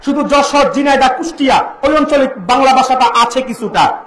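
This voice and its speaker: A very high-pitched male preacher gives a fiery sermon, firing questions at the crowd and breaking into shouts and chanted verses. His voice rings through an echoey amplified venue. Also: brisk. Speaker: Islamic preacher. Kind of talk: impassioned sermon to a large gathering.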